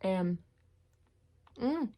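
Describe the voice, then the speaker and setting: A woman's voice: medium pitch, expressive, very slow, warm tone. Woman chewing noisily as she chats. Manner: chewing noisily while talking, mouth often full. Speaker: host of an eating video. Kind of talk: casual mukbang chat to camera, commenting on a news story.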